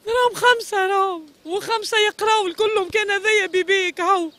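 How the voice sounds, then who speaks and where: A woman's voice: very high voice, fast, bright, forceful tone. A middle-aged woman with a Tunisian Arabic accent giving a pleading street interview, repeating her phrases over and over. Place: street outdoors.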